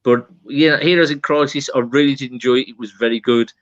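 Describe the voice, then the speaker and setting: A man's voice: medium pitch, fairly even intonation, quick pace, dry recording, muffled recording. A man with a Birmingham accent co-hosting a podcast, talking in a rambling way with many fillers about comics. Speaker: podcast co-host. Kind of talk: casual chat.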